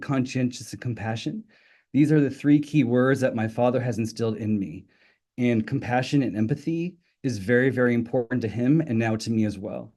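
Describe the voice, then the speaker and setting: This middle-aged Italian man, a native Italian speaker, has a warm, mid-range voice. He's a linguistics professor appearing as a guest speaker on an online webinar, where he gives a friendly, informal personal talk full of his own stories.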